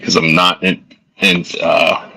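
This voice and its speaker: A man's voice: low-pitched, little pitch movement, takes it slowly, creaky, bright, forceful tone, husky, dry recording. A man chatting casually as co-host, his voice coming through tinny, as if from inside a tin can, on a makeshift home setup. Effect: tinny sound, as if in a tin can. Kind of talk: casual chat.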